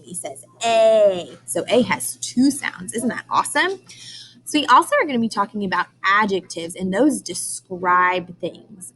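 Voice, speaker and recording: An early-grades teacher leads a read-aloud lesson for young children, prompting them with questions and carefully sounding out key words. Her voice is mid-range and a bit bright, though the audio is poor.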